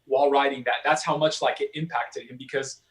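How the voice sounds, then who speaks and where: A man in a casual film discussion, talking in a halting way with many fillers and restarts. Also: medium pitch, steady tone, rough recording. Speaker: podcast panelist.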